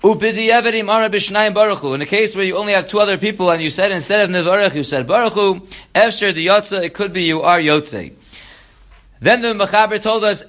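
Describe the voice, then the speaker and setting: High-voiced man teaching a halacha lesson. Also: fairly bright tone. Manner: reads Hebrew text then explains in English. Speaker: Torah teacher.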